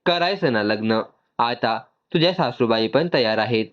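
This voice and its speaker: A man's voice: mid-range voice, expressive, moderate pace, lo-fi sound, close to an everyday voice. A man voicing a soothing, apologetic young man in a read-aloud story. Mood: gentle. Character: gentle reassuring young man.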